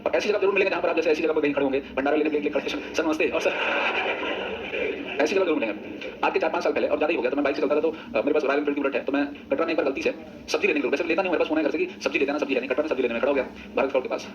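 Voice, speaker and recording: A man's voice: fairly high pitch, racing, lo-fi sound, background noise. A man teaching English grammar in a coaching classroom, drilling students in chorus and teasing them with chatty asides. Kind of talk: classroom lecture with choral drills.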